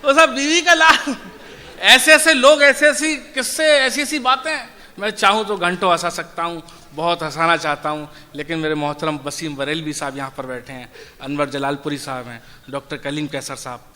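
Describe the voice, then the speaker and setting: A man's voice: on the high side, steady tone, normal speed, bright, forceful tone. A man performing as a comic poet, telling stories on stage and acting out the people in his jokes. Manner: chatty, acts out characters in jokes. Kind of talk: stand-up storytelling at a poetry gathering. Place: stage in a large hall. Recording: echoey hall, faint noise.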